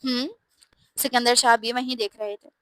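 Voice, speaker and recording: A woman narrates a romantic novel in a steady, expressive reading voice. Her pitch sits a little high, and the recording is dry and close with no room sound. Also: normal speed, no room sound. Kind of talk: scripted storybook narration.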